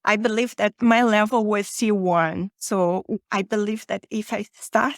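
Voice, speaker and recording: A podcast guest who is an author and podcaster, this woman from Rio de Janeiro, Brazil, speaks Portuguese natively and has a Brazilian accent. She talks conversationally in an interview, her medium-pitched voice fairly even and unhurried. The studio sound is clean, with no room sound.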